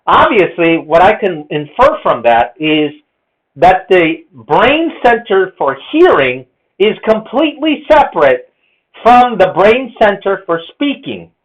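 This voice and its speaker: A man's voice: high voice, big pitch swings, takes it slowly. A man explaining language and in a rambling lecture, thinking aloud with many fillers. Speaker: language teacher. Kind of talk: casual lecture on accents. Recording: dull lo-fi recording.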